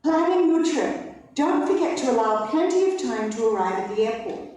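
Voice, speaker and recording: A woman's voice: fairly high pitch, normal speed. A woman giving a polite scripted recorded phone message on an airline hold line. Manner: polite, even scripted reading. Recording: echoey playback heard from far off.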